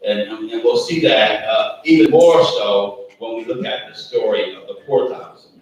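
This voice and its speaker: A pastor with a lowish voice speaks at a normal speed, delivering a folksy sermon full of "Amen"s and chuckles between points. The recording sounds distant and echoey, in a church room with faint background noise.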